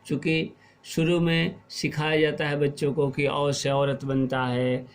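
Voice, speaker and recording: A middle-aged man teaching a class, explaining slowly and asking questions, then repeating the answers. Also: a little high, little pitch movement. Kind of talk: classroom lesson.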